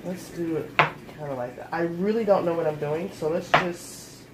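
A woman's voice: on the low side, moderate pace, very noisy. A middle-aged woman hosting a casual home cooking show from her kitchen, chatty and upbeat, talking straight to viewers.

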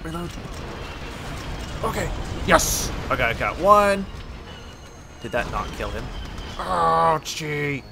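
A man giving let's-play commentary, excitable, swinging from quiet muttering to yelling at the game. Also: on the high side, unhurried, pauses often, background noise. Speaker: gaming channel host.

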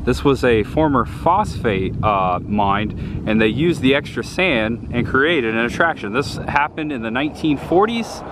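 Exploring roadside spots, a man narrates his travel vlog to a handheld camera held at arm's length, his medium-pitched voice expressive and unhurried. He's chatty and enthusiastic, pointing things out in casual narration outdoors and in a small diner while traffic hums in the background.

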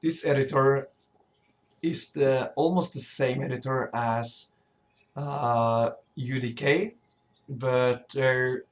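Male tutorial presenter, slow and hesitant, mid-pitched, voice cracking from sickness. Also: steady tone. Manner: hesitant, often stumbling and throat-clearing. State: sick, sore voice. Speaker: tutorial presenter, level designer. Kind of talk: informal software tutorial.

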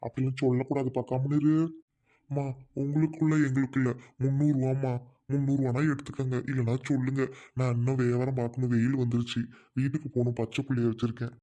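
A man's voice: medium pitch, flat delivery, fast, warm tone, lightly acted. A man voicing a poor, weary older fish seller and father in a cartoon, pleading patiently.

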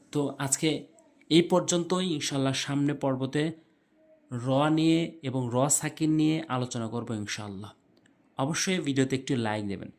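A man teaching Quran recitation, spelling out letters and drawing out nasal sounds slowly. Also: medium pitch, darkish tone. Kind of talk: slow spelled-out recitation lesson.

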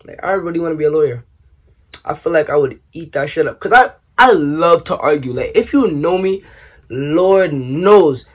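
A young man from New York, raised partly in Trinidad, answering questions in a casual vlog, animated and joking with lots of slang. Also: fairly high pitch, moderate pace. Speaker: YouTuber. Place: small bedroom, indoors.

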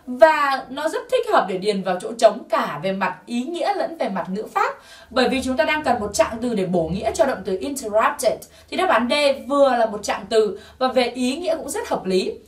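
Lively-voiced woman teaching English. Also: on the high side, moderate pace, distant mic. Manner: patient, encouraging, drills pronunciation by repetition. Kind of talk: explaining test answers in a video lesson. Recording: roomy sound from off-mic.

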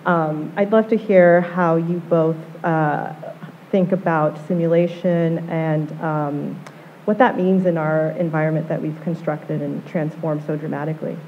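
A woman's voice: low voice, steady tone, a little hiss or hum. Woman moderator, thin phone-like sound. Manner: measured, many ums. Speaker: panel moderator. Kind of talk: asking panel questions. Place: art gallery panel before a live audience. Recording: thin phone-like live recording.

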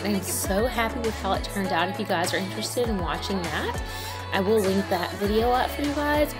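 A woman in her thirties chatting casually to her phone camera in her living room while she folds laundry, upbeat and quick to laugh. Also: medium pitch. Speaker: home vlogger.

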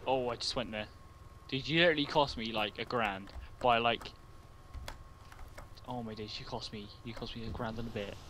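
A man's voice: mid-range voice, fairly even intonation, normal speed, pauses often, bright, forceful tone. A young man needles his friend over voice chat in a mid-range voice, goading him through the match. A faint background hiss runs under him. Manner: teasing, needling. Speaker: teammate on voice chat. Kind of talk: casual gaming banter.

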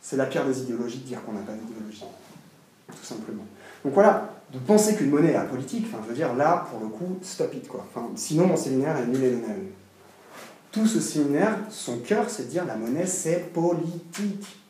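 A man giving a seminar lecture in an animated, emphatic way, with frequent restarts and asides. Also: mid-range voice, fast talker, a little hiss or hum. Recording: echoey room, mic far off.

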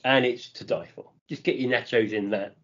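A man's voice: mid-range voice, moderate pace, a bit bright. Chatty middle-aged man, muffled. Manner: chatty, enthusiastic about food, chuckles often. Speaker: podcast co-host. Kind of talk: casual chat. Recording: dull lo-fi podcast audio.

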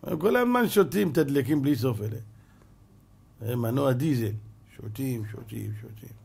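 A man, a rabbi, giving a sermon as an animated storyteller who drops to a hush for suspense. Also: medium pitch, gravelly, husky.

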